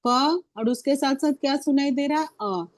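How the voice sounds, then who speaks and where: Patient woman teacher explaining, higher voice. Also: normal speed. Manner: patient, explanatory, asks frequent rhetorical questions. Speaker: Hindi teacher training other teachers. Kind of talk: online teacher-training class.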